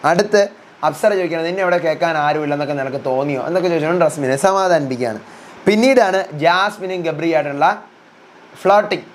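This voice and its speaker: Fast-talking young man. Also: fairly high pitch, a little hiss or hum. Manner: rapid chatty retelling, voicing housemates' quotes. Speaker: reality show reviewer, channel host. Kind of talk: casual spoken episode recap.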